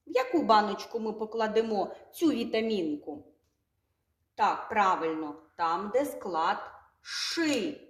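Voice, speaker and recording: Slow sing-song woman teaching small children. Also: on the high side, roomy sound. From Ukraine. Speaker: kindergarten teacher. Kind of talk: recorded preschool literacy lesson.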